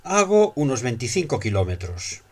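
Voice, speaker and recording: Male phrase reader for a language course, husky, animated pitch, scripted short dialogue lines. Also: normal speed.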